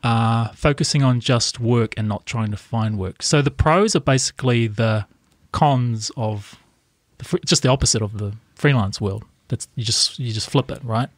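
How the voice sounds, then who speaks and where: A man's voice: medium pitch, moderate pace, few pauses, no room sound, studio quality. A man co-hosting a casual podcast, agreeably listing points and often adding "yeah" and "right". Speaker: podcast co-host.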